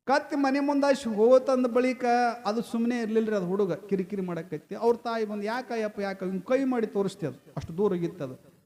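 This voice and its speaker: Male village preacher, North Karnataka accent, high voice, homely storytelling that prods the audience. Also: fairly quick, a little mellow. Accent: North Karnataka Kannada. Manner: folksy, keeps asking the crowd for a response. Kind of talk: storytelling sermon to a village gathering.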